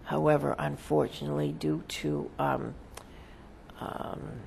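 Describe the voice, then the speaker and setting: Creaky, slow seance medium channeling spirits. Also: mid-range voice, level tone, darkish tone, a little hiss or hum. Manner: halting, deliberate, formal phrasing with long pauses.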